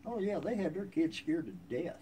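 This man in his seventies has a rather high, mellow voice with big pitch swings and a moderate pace. Speaking with a rural American accent, he casually reminisces about family history on a covered wooden porch in a folksy, plainspoken way. A handheld phone a few feet away records him amid outdoor ambient noise.

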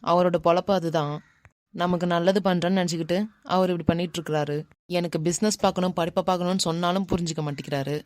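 A woman voicing a brash, bossy but softhearted young man in a cartoon, muttering to himself and scolding, with a Kanyakumari Tamil accent. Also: lowish voice, steady tone, fast talker, no echo, lightly acted. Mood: musing. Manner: mutters to himself, scolds then turns gentle. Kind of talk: animated cartoon dialogue.

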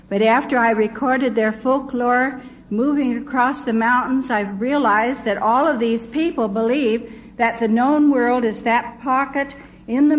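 An older woman giving a personal testimony, telling stories and voicing the people she met with lively quotes. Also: a little high, rough recording. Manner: storytelling, quoting villagers in lively voices. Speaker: missionary speaker.

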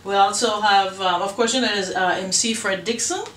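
A woman's voice: mid-range voice, fairly even intonation, a little fast, a bit bright, slight background noise. A middle-aged woman chatting casually as a festival organizer, rambling with many fillers. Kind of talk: casual chat. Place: dining room at home. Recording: roomy audio from far off.

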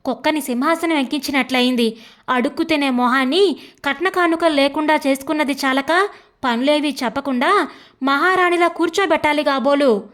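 A woman's voice: high-pitched, normal speed, fairly bright tone. A woman voicing a harsh, bossy older mother-in-law in a narrated story. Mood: scornful.

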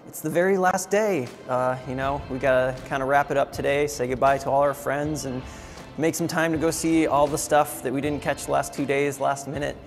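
A young adult man hosts a walkthrough of a coffee equipment trade show in a large convention hall, speaking casually and upbeat with lots of fillers. His voice is medium-pitched and steady, his pace brisk, with faint music behind him.

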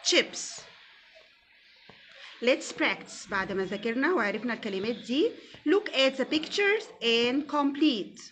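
A young woman teacher with an Egyptian Arabic accent leads a children's English lesson, saying each word slowly and repeating it. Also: a little high, animated, fairly bright tone, slight background noise. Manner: slow, deliberate English drills with repeated words, quick Arabic explanations. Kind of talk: classroom lesson with call-and-repeat drills.

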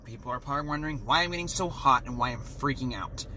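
A man's voice: mid-range voice, fast talker, bright, forceful tone, a little hiss or hum. A man vlogging an angry, heated rant, talking in an exasperated way.

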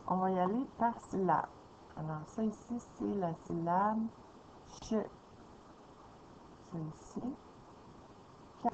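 A woman teacher leading a slow, patient reading lesson for young children, sounding out syllables. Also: medium pitch, darkish tone, a little hiss or hum. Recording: slightly dull lo-fi recording.

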